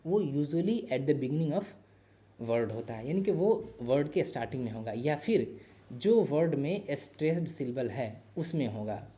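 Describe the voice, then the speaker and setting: Male tutor with a mellow, mid-pitched voice, repeats key points and sounds words out slowly for exam prep. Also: animated. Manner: explains in Hindi mixed with English terms, repeats key phrases, sounds out words slowly. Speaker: teacher. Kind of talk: exam-prep literature lecture.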